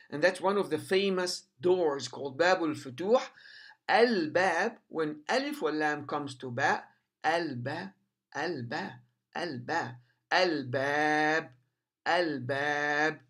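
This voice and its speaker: Male language teacher, Arabic, a bit higher voice, emphatic repetition drills. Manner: repeats words in slow, emphatic drills. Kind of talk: bilingual language lesson.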